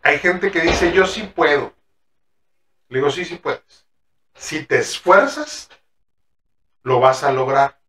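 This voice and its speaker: A man's voice: medium pitch, a bit bright. Mexican man talking therapy in an echoey room. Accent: Mexican Spanish. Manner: colloquial, swears freely, acts out patient dialogues. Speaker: therapist podcast host. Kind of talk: casual podcast talk. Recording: roomy echo, mic at a distance.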